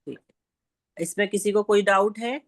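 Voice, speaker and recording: A woman with a Pakistani Urdu accent teaching Quran recitation in an online class, speaking slowly and patiently and stretching out sounds to demonstrate them. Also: medium pitch.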